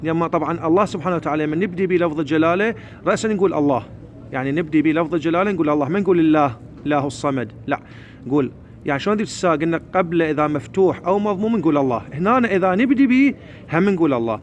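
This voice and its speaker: Man, Iraqi Arabic accent, recitation teacher, fairly high voice, faint traffic behind. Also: expressive, highs cut off. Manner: explains quickly, then recites verses very slowly and drawn out. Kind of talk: Quran recitation lesson.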